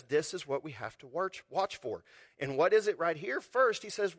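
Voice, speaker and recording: A male pastor preaching a sermon in an animated, conversational way, often asking the congregation rhetorical questions. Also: on the high side, no echo, clean studio sound.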